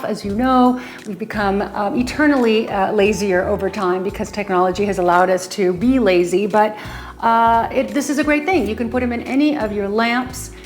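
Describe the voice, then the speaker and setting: A home design vlogger gives a casual demo to camera in her closet and kitchen, excitedly showing off favorite finds. Her mid-pitched voice is full of ums and gushing praise, with faint music playing softly behind her.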